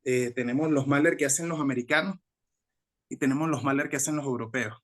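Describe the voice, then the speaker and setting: A man with a Mexican Spanish accent, a musician answering interview questions in a relaxed, thoughtful way, with frequent restarts and tag questions. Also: medium pitch, fairly quick. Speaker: guest musician.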